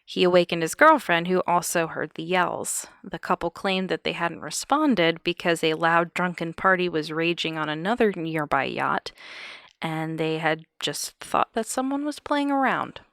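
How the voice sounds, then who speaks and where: Low-voiced woman telling a true-crime story. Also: normal speed, vocal fry, a bit bright, no room sound, clean studio sound. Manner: wry, chuckling asides. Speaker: podcast host.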